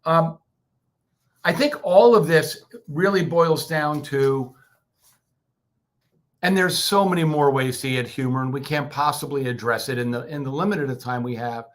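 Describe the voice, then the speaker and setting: A man's voice: on the high side, a little slow. Chatty man coaching public speakers. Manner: conversational, many fillers and restarts. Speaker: co-host of a speaking workshop. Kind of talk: casual instructional talk.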